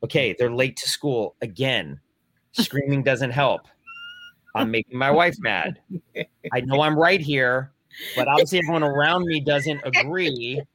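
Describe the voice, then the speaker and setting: A man's voice: mid-range voice, measured pace, bright, forceful tone. A man in his forties, talking in a casual discussion with rambling, self-deprecating speech and frequent restarts.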